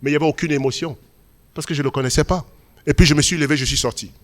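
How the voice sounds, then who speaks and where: Male pastor, raised voice, preaching in a big echoing church hall, emphatic then quietly confiding. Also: fairly high pitch, steady tone, very fast. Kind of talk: sermon. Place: large church hall at a Sunday service. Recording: long hall reverb.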